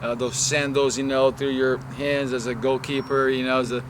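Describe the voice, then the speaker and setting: A man's voice: medium pitch, flat delivery, normal speed. A man from Brazil, a soccer coach, talking casually in an interview and rambling with many restarts. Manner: rambling, many restarts and "you know" fillers. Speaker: head women's soccer coach. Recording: outdoor recording with loud traffic noise.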